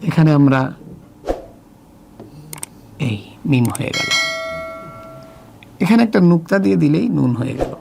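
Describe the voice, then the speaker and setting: Patient gravelly man teaching Arabic words. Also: on the high side, expressive, noisy background. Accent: Bangladeshi Bengali. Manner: patient, drawn-out word-by-word pronunciation. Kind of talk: slow recorded lesson walkthrough.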